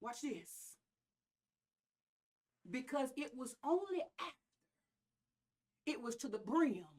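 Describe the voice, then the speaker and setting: A woman's voice: high-pitched, very animated, takes it slowly. A woman pastor with a Southern US accent preaching a sermon in an emphatic, folksy way, repeating key phrases. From American South. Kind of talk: church sermon.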